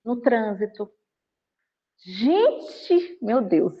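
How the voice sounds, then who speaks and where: Over a home video call with muffled audio, a woman with a voice on the high side speaks extremely slowly as she gives a spiritist talk. She tells her stories animatedly, acting out the dialogue.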